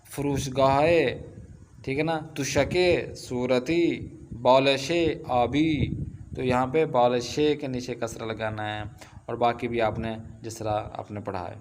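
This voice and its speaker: A man's voice: medium pitch, fairly even intonation, a little hiss or hum. Man teaching Persian, explaining patiently. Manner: explains slowly with many filler sounds; reads Persian sentences, then explains in Urdu. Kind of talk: online language lesson.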